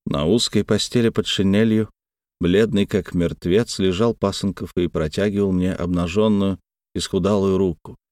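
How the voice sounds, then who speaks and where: A man narrating a classic story in a measured, literary reading. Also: low-pitched, steady tone, darkish tone, no echo, studio quality. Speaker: audiobook reader. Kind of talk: scripted narration.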